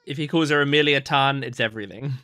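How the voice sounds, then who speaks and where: A man with a smooth, bright, forceful mid-range voice speaks at a quick pace while hosting an anime reaction video. His commentary is casual and reflective, earnest and thoughtful, though rambling with many "like"s and restarts.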